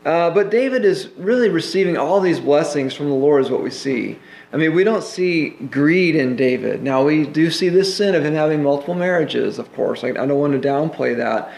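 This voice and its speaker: A man's voice: a little high, lively intonation, moderate pace, creaky, a little mellow, roomy sound. A man pastor teaching a Bible sermon in a conversational way, full of "you know" fillers.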